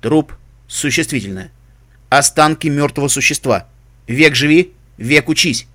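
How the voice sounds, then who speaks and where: A man voicing a metallic, emotionless helmet computer that gives clipped, flat system announcements and lists dictionary words in an audiobook reading. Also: a little high, measured pace. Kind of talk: audiobook reading of a fan story.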